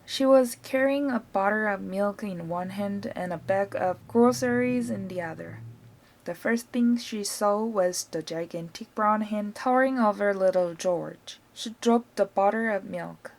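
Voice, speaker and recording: A woman with a Korean accent reading a children's novel aloud in a clear, even storytelling voice. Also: mid-range voice, measured pace. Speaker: audiobook reader.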